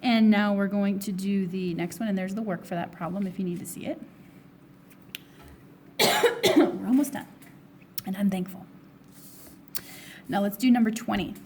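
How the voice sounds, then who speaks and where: Hoarse woman teacher walking through math. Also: mid-range voice, normal speed, pauses often, darkish tone, slight background noise. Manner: steps through problems, asking and answering her own questions. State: hoarse, losing her voice, with coughs. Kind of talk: recorded test review lesson.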